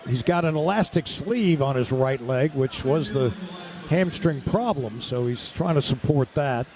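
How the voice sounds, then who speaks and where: With the arena crowd clearly audible behind him, an American play-by-play man calls basketball live for radio in terse, present-tense phrases. He speaks at a measured pace in a medium-pitched, animated voice.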